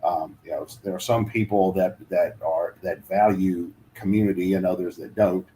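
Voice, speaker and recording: A man's voice: sits low, steady tone, normal speed, mellow, a little hiss or hum. A man giving relocation advice in a casual chat, hesitant with many fillers and restarts. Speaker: guest, relocation adviser.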